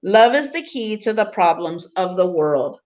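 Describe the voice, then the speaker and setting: This is a woman teacher sharing a picture book with pupils, pacing her delivery in brief segments with teaching remarks woven in. She speaks with a fairly low, expressive voice and a darkish tone.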